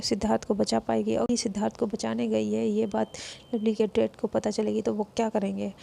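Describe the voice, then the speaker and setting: Low-gravelly woman telling a story. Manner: acts out both girls' quarrel with raised, lively voice. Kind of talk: casual spoken storytelling.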